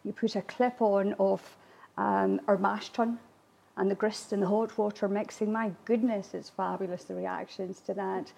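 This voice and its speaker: A woman whose first language is Irish Gaelic answers interview questions as a guest, a distillery attraction manager. Her mid-range voice has a gravelly edge, little pitch movement, and normal speed, and she's chatty, laughing warmly and using lots of fillers and restarts.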